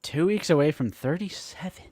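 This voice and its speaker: With a slightly high voice at a moderate pace, a man in his late twenties co-hosts a toy-collecting live stream, chatting casually and joking with animation as he acts out quotes. The studio sound is clean and free of echo.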